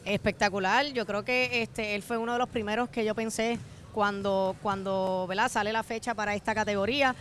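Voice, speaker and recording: A woman in her thirties with a Puerto Rican accent, a youth basketball coach answering interview questions at a handheld mic courtside, measured, with "este" fillers. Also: medium pitch, fairly even intonation, fairly bright tone, a little hiss or hum. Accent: Puerto Rican Spanish. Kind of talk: televised interview. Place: courtside in an indoor basketball arena. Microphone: handheld microphone.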